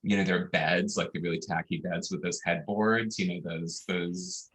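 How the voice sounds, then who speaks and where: Deep-voiced chatty man in an echoey room. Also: fairly even intonation, normal speed, fairly bright tone. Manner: rambling, chatty, with fillers and trailing thoughts. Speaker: co-host. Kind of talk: casual movie review chat.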